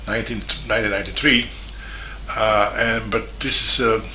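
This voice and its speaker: Serbian-accented male journalist, lowish pitch, very bright, halting delivery with many pauses; echoey room, faint ambience. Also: steady tone, a little hiss or hum. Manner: halting, with many fillers and restarts. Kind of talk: spoken statement.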